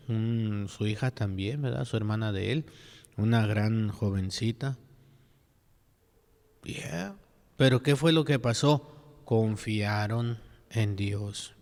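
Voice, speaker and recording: A priest preaching a sermon at mass, earnest and full of rhetorical questions. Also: male voice, on the low side, a little mellow, big-room sound.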